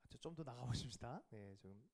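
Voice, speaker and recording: A man pastor preaching a revival sermon who questions the congregation and drops to a whisper for quiet asides. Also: mid-range voice, lively intonation, normal speed, gravelly. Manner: questions the congregation and asks for replies.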